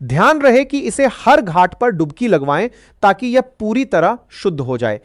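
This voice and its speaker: A gentle old weaver-saint, patient and kindly, speaking softly in a narrated story, voiced by a woman. The voice sits mid-range and sounds dry and close, with no room around it. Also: medium pitch, sing-song, unhurried, no room sound. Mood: calm, kindly. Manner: soft-spoken, patient.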